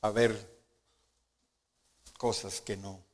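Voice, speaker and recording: A man preaching a sermon as pastor, asking rhetorical questions and moving between soft low asides and loud emphatic lines. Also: level tone, drawn-out words. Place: church sanctuary. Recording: long hall reverb of a church sanctuary.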